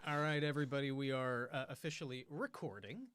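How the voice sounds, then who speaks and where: A man's voice: medium pitch, big pitch swings, a little fast, crowd noise. A man hosting a casual livestream recap show, chatty and upbeat, a little scattered. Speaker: podcast host.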